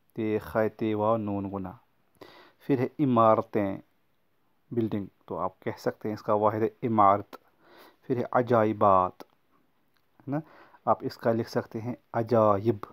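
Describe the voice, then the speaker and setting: A man teaching a recorded lesson to young schoolchildren, patiently explaining word meanings and repeating key points. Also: medium pitch. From Kashmir. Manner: patient, explains words slowly and repeats them for children.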